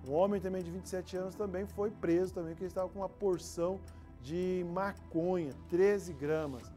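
A man's voice: sits high, fairly even intonation, a little fast, warm tone, soft background music. A man in his forties with a Brazilian accent presenting local TV news in an emphatic, colloquial, theatrical way. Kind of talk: informal, opinionated news presenting. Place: TV studio. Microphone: lapel mic.

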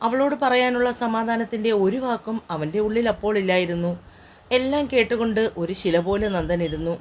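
Woman reading a romance novel aloud, emotional and measured, middle pitch, faint hiss. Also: a little mellow. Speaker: audiobook narrator. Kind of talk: dramatic storybook narration.

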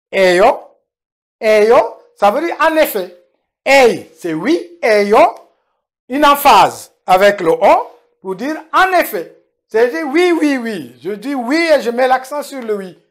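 A woman teaching a language lesson, explaining grammar patiently and repeating example words for the learner. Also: on the high side.

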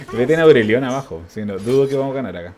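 A man with a Chilean accent giving casual gameplay commentary as a streamer, thinking aloud, counting out loud and chuckling often. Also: mid-range voice, expressive, very fast, a crowd in the background.

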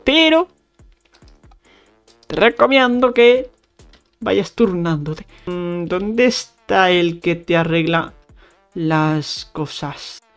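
With a lowish voice and a Spain Spanish accent, this woman, a gaming YouTuber, chats playfully while playing a video game. She mocks the enemies and speaks straight to her audience.

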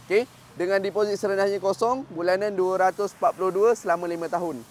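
A Malaysian Malay-accented man in his thirties talks like a cheerful dealer, dropping quick English fillers between points. His voice sits high for a man. Faint traffic and street sound hang behind him in an open lot. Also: fairly even intonation, a little mellow. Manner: upbeat salesman patter, mixes in English fillers. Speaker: motorcycle dealer. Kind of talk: sales video walkthrough. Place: outdoor parking lot of a motorcycle shop.

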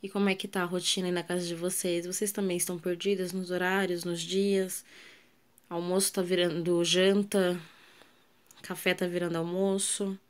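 A home vlogger and mother cleans her kitchen while chatting to viewers in a Brazilian Portuguese accent, asking questions and drifting off into fillers. Her voice runs on the low side, level in tone, at a moderate pace.

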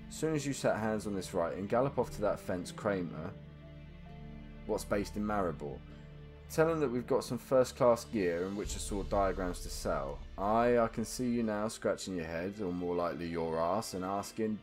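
A man voicing a rough, scheming male thief with a northern English accent, reading out his letter home. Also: fairly low pitch, darkish tone, close to an everyday voice. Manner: coarse, conspiratorial letter-reading.

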